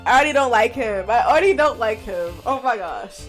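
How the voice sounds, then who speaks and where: A young woman at home on a streaming microphone, riffing on a game in blunt, slang-heavy asides. Her voice sits fairly high and bounces along energetically, with faint music playing underneath. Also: animated, brisk. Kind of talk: casual live gameplay commentary.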